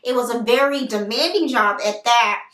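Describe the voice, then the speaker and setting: A woman vlogger telling her story to viewers in a chatty, animated way, talking straight to them. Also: on the high side, moderate pace, far from the mic. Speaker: hair care vlogger. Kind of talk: casual storytelling to camera. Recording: roomy echo, voice set back from the mic.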